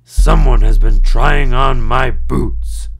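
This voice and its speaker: A man voicing a big, gruff papa polar bear in a storybook read-aloud, roaring and booming. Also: slow pace, fairly bright tone, full character voice.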